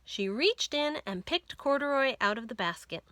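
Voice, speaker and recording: A woman narrates a storybook for children with deliberate, dramatic phrasing. Her voice is fairly high and bright, with very animated intonation. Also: dry recording.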